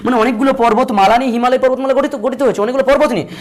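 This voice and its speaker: Man, english grammar teacher, quick delivery, repeats key points. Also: extremely high pitch. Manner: repetitive, drills points, slows to spell out examples. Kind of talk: classroom grammar lesson.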